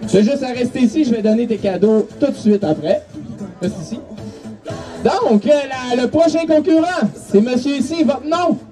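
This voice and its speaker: A man's voice: very high-pitched, moderate pace, dark tone, recorded from a distance, faint music behind. A man announcing over the stadium PA at a football game, calling contestants and hyping the crowd.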